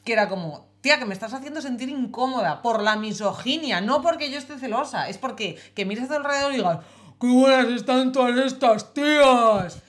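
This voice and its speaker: A woman's voice: on the high side, animated, fast talker, few pauses, a bit bright. A woman from co-hosting a podcast, chatting casually in a blunt, emphatic way and swearing freely. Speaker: podcast co-host. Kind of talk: casual chat.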